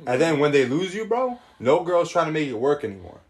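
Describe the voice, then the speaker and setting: A young man co-hosting a casual podcast chat, ranting in an animated way with lots of slang and swearing. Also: on the high side, a little fast, a little hiss or hum. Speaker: podcast co-host.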